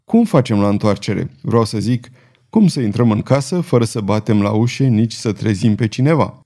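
A man's voice: lowish voice, animated, dark tone. A man voicing a bold, ironic male swordsman who speaks coolly and commandingly. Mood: jovial.

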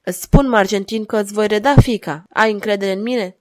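A woman reading aloud and voicing a cold, relentless duchess who speaks in an insistent, measured way. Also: mid-range voice, a little mellow, close to an everyday voice.

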